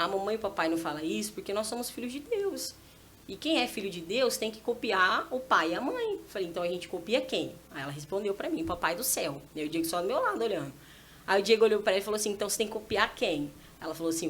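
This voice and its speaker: A rapid, chatty woman shares a heartfelt anecdote about parenting. She slips into the voices of herself and her child as she talks. Her speech is quick, and faint room noise sits in the background. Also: medium pitch. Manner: animated, acts out dialogue with her child. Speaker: guest, mother of a small daughter. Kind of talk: casual storytelling testimony. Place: church podcast setting.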